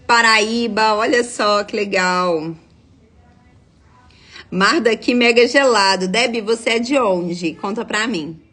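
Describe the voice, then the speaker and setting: A woman's voice: mid-range voice, slow pace, fairly bright tone. A young adult woman, a nutritionist giving a live-stream talk, explaining step by step, reading viewer comments and often checking in with tag questions. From Minas Gerais, Brazil.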